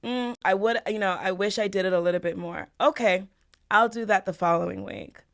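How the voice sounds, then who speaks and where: Speaking fairly quickly in a mid-range voice with a fairly bright tone, a family law attorney from the Bahamas and Florida reflects conversationally as she answers a podcast interviewer's questions.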